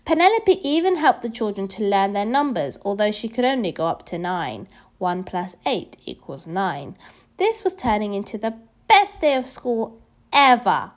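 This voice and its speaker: A woman with a mid-range voice reads a children's story aloud, taking an expressive, deliberate storytelling approach.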